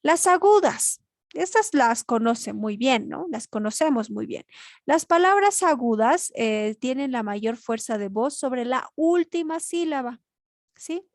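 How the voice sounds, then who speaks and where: A woman's voice: a little high, measured pace, a little mellow, no room sound, studio quality. A woman teacher giving a spoken grammar lesson, explaining step by step and checking in with rhetorical questions.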